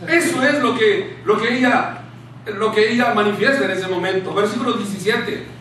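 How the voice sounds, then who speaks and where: A man preaching a sermon in a small church room, impassioned, dropping to a hushed tone when he quotes scripture. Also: sits high, moderate pace. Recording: very echoey room, distant mic, faint hiss.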